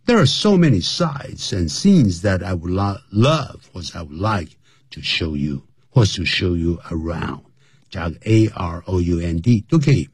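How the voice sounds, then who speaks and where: A man's voice: sits low, animated, measured pace, husky, no echo, clean studio sound. A man teaching English phrases in a radio lesson, explaining each one and spelling words out letter by letter.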